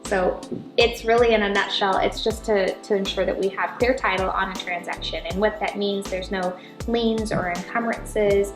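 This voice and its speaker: Speaking at normal speed with fairly even intonation and a medium pitch, a middle-aged American woman appears as an interview guest for title insurance. She keeps things informal and conversational, peppering her talk with "right?" and "you know." There's a roomy echo and background music.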